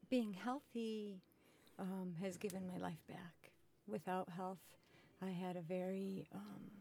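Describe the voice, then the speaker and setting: A woman in her fifties, a patient advocate, answering interview questions in a slow, halting way with many pauses and fillers. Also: fairly low pitch, creaky, mellow, a little hiss or hum. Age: 50s. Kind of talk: recorded interview. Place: indoors, cultural center.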